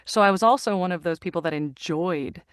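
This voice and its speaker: The speaker is a woman in her forties, an actor and narrator, whose clear, resonant voice sits on the low side and runs fairly quick. She laughs often and sounds animated and open during a casual interview chat, recorded in clean studio sound without echo.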